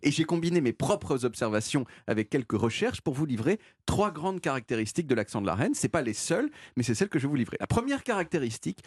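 Male radio columnist, husky, lively pitch, dry close studio sound, playful. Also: no echo. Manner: playful, self-mocking, explanatory. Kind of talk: humorous radio segment.

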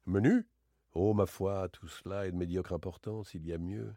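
A man voicing a playful, boastful gentleman thief in a dramatic audiobook reading, teasing and theatrical. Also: fairly even intonation, moderate pace, no room sound, studio quality. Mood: mocking, boastful. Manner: teasing, theatrical, swings between bright exclamations and low asides.

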